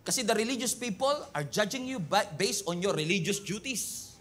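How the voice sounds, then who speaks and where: A male pastor with a Filipino accent preaching an animated sermon, switching between Tagalog and English and mimicking voices for humor. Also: high voice, normal speed.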